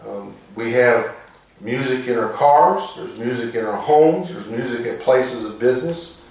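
A man's voice: mid-range voice, unhurried, gravelly, darkish tone. A man preaching an informal sermon in a folksy, rambling way, his voice echoing back through the sound system. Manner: folksy and rambling, with many restarts. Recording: echoey room, mic at a distance.

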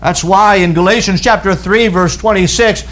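A high-pitched man preaches a sermon in an earnest, deliberate way. He slows down and drops his voice low to stress key words. He talks as a pastor speaking to his congregation. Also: steady tone, fairly bright tone.

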